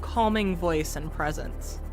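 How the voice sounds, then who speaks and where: A woman streams a game with music playing, chatting to her viewers and talking to herself as she thinks aloud. Her voice is lowish and slow.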